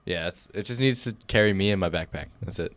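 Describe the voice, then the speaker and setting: A teenage boy co-hosting a casual podcast, laid-back and dry, his voice trailing quieter at the ends of thoughts. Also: sits low, fast talker, dry recording. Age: teens. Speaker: podcast co-host.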